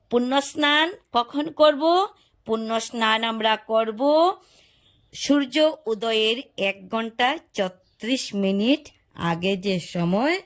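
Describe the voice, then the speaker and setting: Slow-spoken woman giving a devotional talk. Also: a little high. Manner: slow, explanatory. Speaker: religious speaker.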